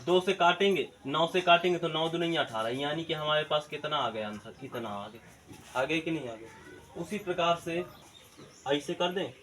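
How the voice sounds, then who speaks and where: Chatty math teacher, tinge. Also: male voice, fairly high pitch, normal speed, a bit bright, slight background noise. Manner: rhetorical questions answered himself; colloquial eastern Hindi words. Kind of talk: classroom-style math lesson video.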